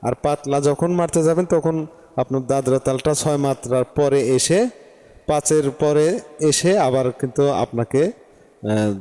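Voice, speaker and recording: A man's voice: mid-range voice, measured pace, warm tone, long reverb tail. A man from Bangladesh giving a harmonium lesson, patiently explaining and counting beats aloud. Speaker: harmonium teacher. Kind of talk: slow spoken music lesson with sung syllables and counting.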